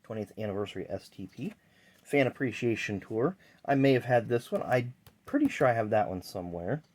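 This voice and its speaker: A man's voice: mid-range voice, animated, a little fast, darkish tone. A man hosting a casual card-collecting vlog, talking in a chatty, rambling way with fillers. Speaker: channel host.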